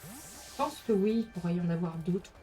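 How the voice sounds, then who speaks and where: A woman's voice: lowish voice, lively intonation, moderate pace, dark tone. French woman, let's play commentator, chatty, talks to her game characters, faint music behind. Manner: chatty, talks to the creatures on screen. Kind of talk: casual gameplay commentary.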